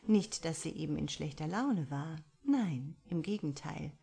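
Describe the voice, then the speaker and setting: A woman reads a story aloud in a calm, even manner, with a somewhat low voice. Her narration is steady and unhurried. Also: creaky, slightly rough. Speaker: audiobook narrator. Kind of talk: scripted narration.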